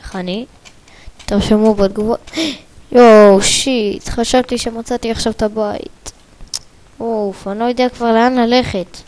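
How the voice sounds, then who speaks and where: Excitable woman narrating her gameplay. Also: a little high. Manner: excitable, bursts of repeated exclamations between quiet muttered asides. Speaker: gaming video creator. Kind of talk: let's play commentary.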